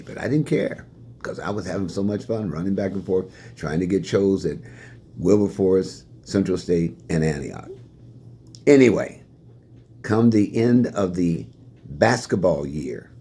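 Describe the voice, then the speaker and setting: A low-pitched older man from Fort Wayne, Indiana, retiring from the staff, shares life lessons through animated, chuckle-filled anecdotes in answer to questions. A faint hiss or hum runs in the background.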